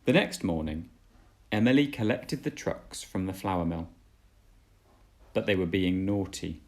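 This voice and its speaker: In a low, expressive voice, a father-style reader delivers a children's storybook aloud with deliberate drama.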